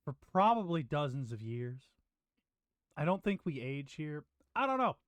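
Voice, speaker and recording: A man's voice: fairly high pitch, big pitch swings, moderate pace, no echo. A man doing a weary dungeon dweller, odd.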